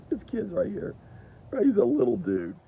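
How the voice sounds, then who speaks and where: A man in his fifties telling a candid personal story about his kids, animated, with big jumps in pitch. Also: vocal fry. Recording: dull lo-fi recording with faint hiss.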